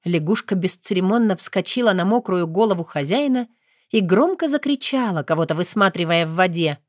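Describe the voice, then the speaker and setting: Female audiobook narrator, expressive storytelling, dry close sound. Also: lowish voice, fairly quick, no room sound.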